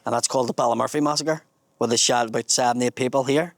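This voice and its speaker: A man's voice: medium pitch, steady tone, fast, no echo. A man with a Belfast accent leads a casual outdoor tour, holding a small handheld mic. He tells local history bluntly and swears freely. The sound is dry and close. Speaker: tour guide and comedian host. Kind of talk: casual guided tour chat. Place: outdoors at a memorial garden in a housing estate.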